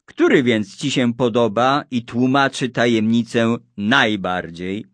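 A man voicing a gentle, wise priest who answers a boy calmly. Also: mid-range voice, measured pace, no room sound, natural voice.

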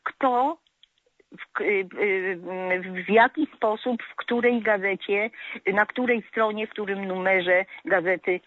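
A woman's voice: medium pitch, steady tone, slow pace, no room sound. A woman calling in to a radio show, lecturing on correct speech with many hesitant filler sounds. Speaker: radio caller. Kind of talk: call-in talk about correct speech. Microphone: telephone. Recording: tinny phone line.

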